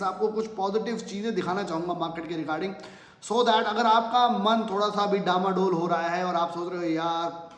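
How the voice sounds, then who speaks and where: Male channel host, high pitch, persuasive promo delivery, mixes in English phrases; heavy bare-room echo. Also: a bit bright. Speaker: market commentary channel host. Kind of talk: casual market explainer to viewers. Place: room with almost no furniture. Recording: echoey sparsely furnished room.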